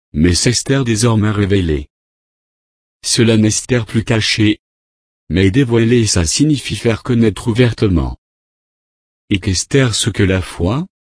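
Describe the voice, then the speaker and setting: A man reads a sermon in a slow, deliberate voice, pausing over scripture verses and their numbers. His voice sits fairly low, and the recording is dry and close, with little room sound. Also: no room sound. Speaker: preacher reading a sermon. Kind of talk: read sermon with scripture quotations.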